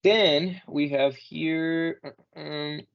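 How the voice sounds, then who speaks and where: A man teaching English in Spanish over a video call, patiently modeling each word slowly and clearly for his students. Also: on the high side, steady tone, muffled recording. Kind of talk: online class correcting pronunciation.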